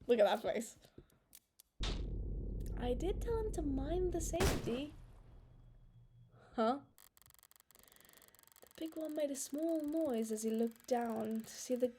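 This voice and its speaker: A woman playing a story game, reading its lines aloud and reacting with animated, excitable commentary. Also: high-pitched, vocal fry, slightly rough. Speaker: let's play gamer. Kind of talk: casual gameplay commentary, reading dialogue aloud. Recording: faint game music behind.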